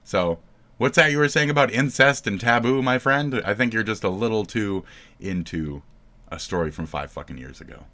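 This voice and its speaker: A man streaming live, ranting in profane, mocking commentary that keeps jumping into loud shouts. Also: lowish voice, normal speed.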